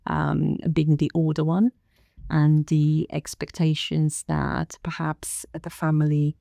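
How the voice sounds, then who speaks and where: Low, gravelly-voiced woman from Romania. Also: monotone, dark tone, no echo, studio quality. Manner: measured, thoughtful, many pauses and fillers. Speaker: guest, council director. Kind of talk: podcast interview.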